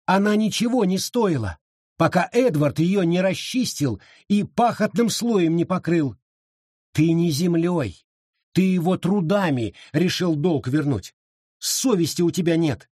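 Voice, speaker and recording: A defiant young colonial wife who speaks her mind with sharp indignation, as a male audiobook narrator raises his voice to play her. The voice sits high and husky, with lively, swooping pitch. It is recorded dry and close. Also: unhurried, dry recording. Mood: indignant. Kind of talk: audiobook reading.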